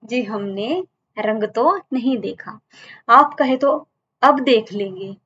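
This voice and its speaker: Woman voicing a worried dad, anxious, explaining, slightly high, dull lo-fi sound. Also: takes it slowly, fairly bright tone. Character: worried father of a sick boy. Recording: dull lo-fi recording, faint background hum.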